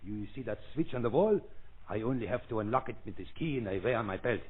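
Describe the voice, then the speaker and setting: An actor playing a bitter, undersized mad scientist of about fifty who gloats and sneers in broken English, in 1930s radio acting on a scratchy old radio broadcast recording. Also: male voice, medium pitch, animated, quick pace, slightly rough, narrow, tinny audio.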